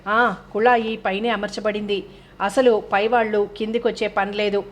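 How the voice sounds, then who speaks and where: A woman voicing a fussy older housewife who shouts into the phone as she talks up her house. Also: mid-range voice, flat delivery, moderate pace, a little hiss or hum, natural voice. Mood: loud, eager.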